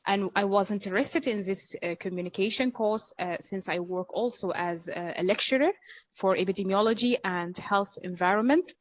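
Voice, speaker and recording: A woman with a Sudanese accent introducing herself in an online class, halting as she searches for words. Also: mid-range voice, dry recording. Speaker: course participant, doctor and lecturer. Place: online video call.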